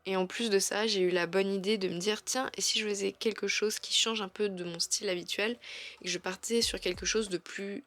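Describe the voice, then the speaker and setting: A woman talks through her own drawings in a relaxed vlog voice-over. She is chatty and halting, often pausing on fillers and restarting her sentences. She speaks with frank self-criticism about her work. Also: mid-range voice. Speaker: art vlogger.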